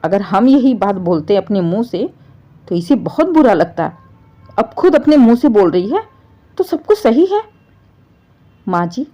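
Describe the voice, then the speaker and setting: A woman's voice: mid-range voice, warm tone, highs cut off. A woman voicing a bitter, defiant young daughter-in-law. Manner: cold, sarcastic, defiant.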